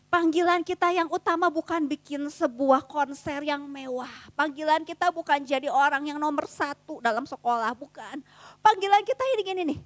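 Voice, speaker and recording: High-voiced woman preaching casual youth sermon. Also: no echo. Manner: casual slangy preaching, swings between soft and fervent. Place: church youth service.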